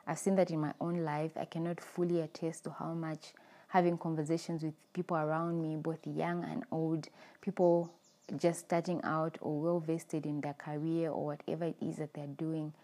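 A woman's voice: low voice, mellow. A woman in her twenties, hosting a solo podcast monologue in an earnest, upbeat way. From Zambia. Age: 20s. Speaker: podcast host.

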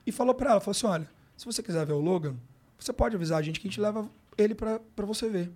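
A man's voice: high voice, very fast, a little mellow. A man with a Brazilian Portuguese accent, a guest on a podcast, telling a personal story in casual, slang-filled talk. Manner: slangy, emotional, frequent filler words like "cara" and "brother". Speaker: podcast guest, sports coach.

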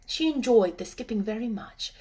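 A woman narrating a classic children's story in a gentle, measured reading voice. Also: on the high side, expressive. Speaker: audiobook narrator.

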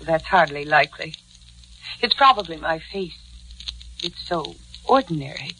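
An actress playing a polite, evasive young nurse, in 1940s radio acting. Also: female voice, sits low, expressive, unhurried. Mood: demure. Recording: noisy old radio recording.

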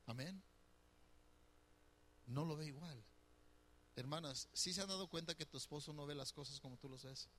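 A man's voice: a little high, moderate pace, long pauses, fairly bright tone, slight background noise. A middle-aged man preaching a conversational sermon as pastor, teasing his listeners and putting questions to them. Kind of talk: sermon on marriage.

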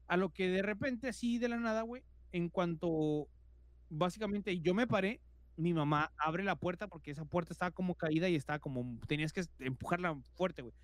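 Mexican man, high voice, casual horror storytelling, slang fillers, sound effects, dry close recording. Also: a little fast, dry recording. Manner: peppers nearly every phrase with filler slang, vivid sound effects. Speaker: podcast co-host.

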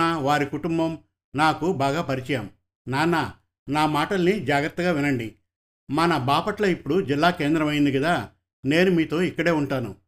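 A man's voice: a little high, lightly acted. A man reading as an earnest young son. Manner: earnest, heartfelt. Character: young unmarried son, hurt but earnest. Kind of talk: storybook reading.

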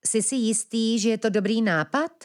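A woman's voice: high voice, big pitch swings, warm tone, voice pushed up. A level-headed young female animal from a children's story, doubting the others' plans, as a woman voices her. Her voice is raised and questioning. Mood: doubtful.

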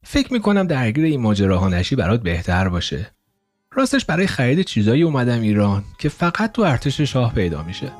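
A man's voice: mid-range voice, wildly swooping pitch. A man doing a sly, guarded spy. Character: middle-aged male intelligence man, guarded, sly.

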